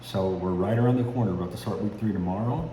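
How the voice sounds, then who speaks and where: A man with a deep voice speaks casually to his video diary audience, his mouth held a little stiff by a sore jaw. He is laid-back and chatty. The recording is echoey, with clear background noise and rumble. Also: quick pace, mellow. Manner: stiff, restricted mouth movement from a sore jaw after surgery; laid-back, addresses viewers as guys with tags like okay and right. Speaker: vlogger.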